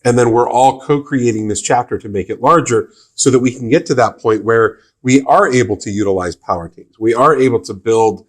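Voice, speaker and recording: A man's voice: mid-range voice, a little fast, hardly any pauses. A man hosting a business podcast, chatting with his guest and often agreeing with her. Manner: affirming, frequent agreeing interjections. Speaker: podcast host. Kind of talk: conversational podcast interview.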